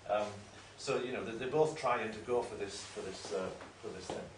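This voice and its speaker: This academic lecture comes from a man with a lowish voice speaking at a moderate pace, rambling through explanations and often revising what he just said. It was recorded from afar in a spacious room with a little background noise.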